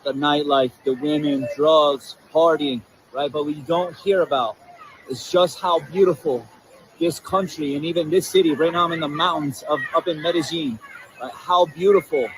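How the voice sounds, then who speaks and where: A man's voice: fairly high pitch, steady tone, normal speed, slight background noise, poor audio. Earnest man vlogging outdoors. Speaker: travel vlogger. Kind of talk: outdoor vlog to camera. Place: outdoors in mountains.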